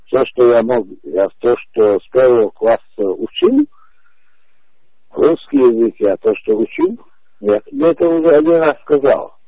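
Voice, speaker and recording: A husky man in his forties presses his point over a muffled phone line, repeating the same questions with insistent calm. His gravelly voice rises and falls in wide swings, in dry, close audio. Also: medium pitch, moderate pace, dry recording. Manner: insistent, repetitive, calmly emphatic. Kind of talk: heated phone conversation.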